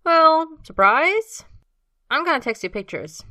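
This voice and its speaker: A woman's voice: high voice, sing-song, fairly quick, sharp tone, no echo, clean studio sound, voice pushed up, full character voice. A woman voicing a cheerful young man who teases his new husband, in a fan story read aloud. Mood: teasing. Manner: bubbly and teasing.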